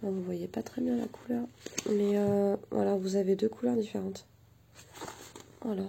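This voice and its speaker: A chatty woman vlogger talks through her craft haul in a relaxed, hesitant way, pausing often on fillers. Her voice is mellow and gravelly, with a faint hiss behind it. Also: mid-range voice. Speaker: mother. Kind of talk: casual haul video chat.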